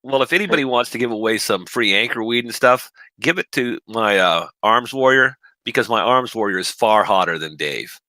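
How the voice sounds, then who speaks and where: A man on a gaming podcast panel, speaking through a gaming headset with deadpan jokes. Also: lowish voice, moderate pace, hardly any pauses, no room sound. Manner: deadpan, joking. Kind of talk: casual gaming podcast chat. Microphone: new gaming headset.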